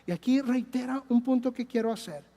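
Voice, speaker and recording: A man's voice: very high voice, fairly quick, gravelly, mellow. A man, preaching a sermon as pastor in a conversational way, telling personal stories with frequent hesitations. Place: church sanctuary. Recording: long church reverb.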